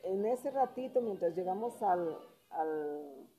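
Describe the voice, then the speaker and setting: A woman's voice: fairly low pitch, slow, muffled recording, faint music behind. A middle-aged woman, a former miner telling a story in casual talk and acting out the voices of the people in it. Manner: animated, acts out quoted voices. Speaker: podcast guest, former miner.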